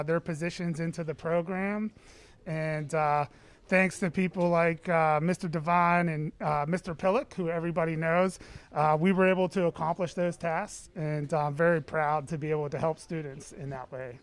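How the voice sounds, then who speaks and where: A man's voice: fairly high pitch, smooth. A middle-aged man answering interview questions earnestly, with frequent fillers. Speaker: interview guest.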